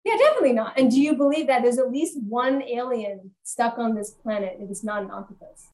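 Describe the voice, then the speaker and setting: Chatty, animated woman co-host. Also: fairly high pitch, a little fast, rough recording. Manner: chatty, animated, laughs often. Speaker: podcast co-host. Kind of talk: casual movie discussion.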